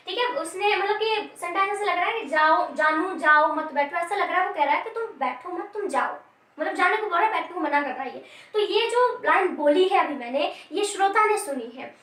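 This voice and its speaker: A woman's voice: very high voice, fairly bright tone. A woman teaching a grammar lesson to video viewers, repeating phrases and checking in with her listeners. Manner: repeats phrases, many fillers and check-ins. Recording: echoey room, from a distance.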